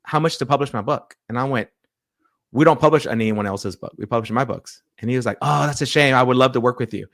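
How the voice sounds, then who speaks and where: A man's voice: mid-range voice, fast, creaky. A man who is a pastor and publisher, telling a story in a casual interview, acting out quoted dialogue and often restarting his sentences. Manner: animated retelling with quoted dialogue and frequent restarts.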